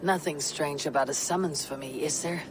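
Eivor, husky stoic Viking warrior woman acting. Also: low-pitched, normal speed, noisy background, lightly acted. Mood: curious, resolute. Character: stoic, proud female Viking warrior, wry and probing. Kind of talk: video game cutscene acting. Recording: music behind the voice.

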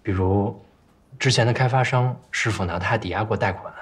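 A cautious young assistant, husky. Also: male voice, lowish voice. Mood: polite. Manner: polite, measured, probing. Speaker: executive assistant.

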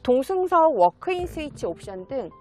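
A woman's voice: sits high, big pitch swings, moderate pace, mellow, soft background music. A woman used car dealer giving a polished, polite, promotional sales narration as she presents a car.

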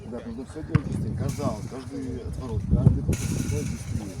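A man's voice: very animated, a little fast, heavy background noise. A man coaching football, calling out insistent, repeated instructions during a match in a commanding manner. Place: outdoor football pitch. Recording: outdoor pitch with crowd behind.

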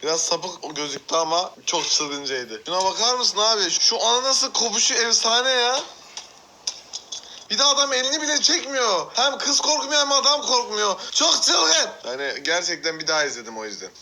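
A man's voice: high-pitched, expressive, normal speed, bright, forceful tone, slight background noise. A man hosting a casual reaction video, exclaiming and laughing often as he comments on clips.

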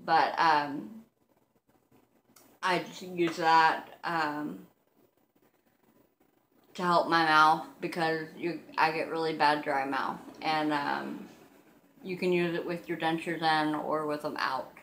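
A woman in her thirties speaking without teeth, with soft slurred articulation, chatting casually and a little self-consciously to her camera. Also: low voice, fairly even intonation, slow pace, pauses often, slight background noise. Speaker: vlogger. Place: living room, seated on a couch indoors. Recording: roomy, echoing home recording.

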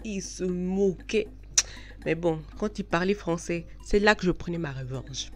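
A woman's voice: fairly low pitch, expressive, moderate pace, soft background music. A woman from Belgium, vlogging in a frank, chatty way with many hesitations. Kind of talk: casual talk to camera.

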